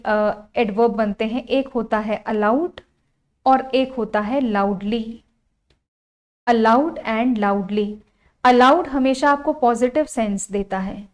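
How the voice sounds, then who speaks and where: A woman teaching English grammar with an Indian accent, explaining step by step and asking questions that she answers herself. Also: a little high. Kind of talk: classroom grammar lesson. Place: classroom with a board.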